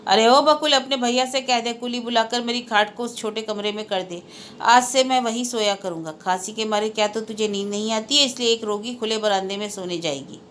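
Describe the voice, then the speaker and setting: A woman reading the part of an irritable aging husband who scolds indignantly and is quick to raise his voice. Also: a little high, a bit bright, slight background noise, lightly acted. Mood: shouting.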